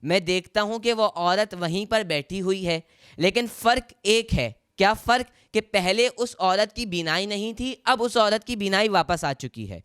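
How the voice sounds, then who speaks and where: A male preacher tells a sermon story in a rhythmic, formal cadence and keeps addressing his listeners. His voice is high for a man, smooth and resonant. The recording is dry and close. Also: lively intonation, a bit bright, no room sound. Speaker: religious orator. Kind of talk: Urdu mourning sermon narration.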